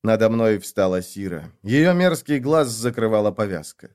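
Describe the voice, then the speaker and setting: A man's voice: lowish voice, animated, moderate pace, a little mellow. Man reading a dramatic audiobook. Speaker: audiobook narrator. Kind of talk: scripted first-person narration.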